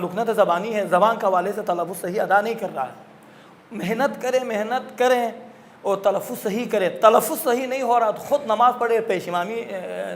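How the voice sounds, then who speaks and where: A man's voice: sits high, a bit bright, a little hiss or hum. A man teaching a classroom lesson on Quran recitation, explaining patiently and repeating his points.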